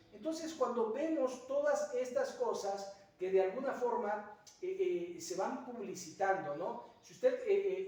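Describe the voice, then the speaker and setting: This pastor speaks with a Mexican accent in a high, slightly mellow voice while delivering an earnest sermon. Rhetorical asides and frequent hesitant fillers run through his preaching. He is captured from afar inside a church sanctuary with heavy echo.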